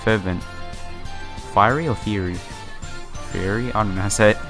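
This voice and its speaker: Fairly low in pitch and fairly bright, his voice moves at a moderate pace as he plays a visual novel. The let's player reads the lines aloud, comments casually and stumbles now and then, with game music behind him.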